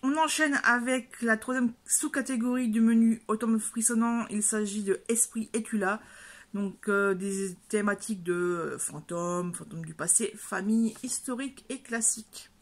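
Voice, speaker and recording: A woman's voice: a little high, normal speed. A woman book vlogger in casual chat at home, rambling with lots of fillers and restarts. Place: at home, by her bed.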